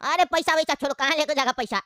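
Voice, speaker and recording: A woman voicing a scheming old uncle in a cartoon, coaxing and evasive, over loud background noise. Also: high voice, fast talker, natural voice. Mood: sly. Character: scheming old male uncle, tea-maker.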